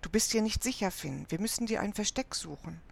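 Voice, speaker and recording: Frau liest beschützenden ritter im kinderhörbuch, gedämpft, mittlere stimmlage. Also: female voice, medium pitch, animated, a little fast, gravelly. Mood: hushed urgent. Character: young male knight, protective and urgent.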